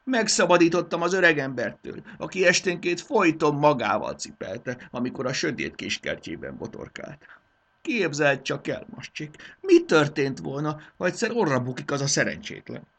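A man voicing an anguished, fussy king who wails in a high, theatrical voice in a storybook reading. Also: very animated, a bit bright, heavily acted. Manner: high-pitched, wailing, theatrical.

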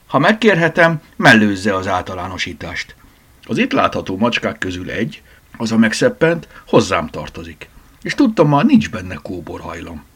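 A man voicing a fussy, excitable older woman who owns a cat, reading a storybook. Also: lowish voice, husky, full character voice. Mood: flustered, indignant.

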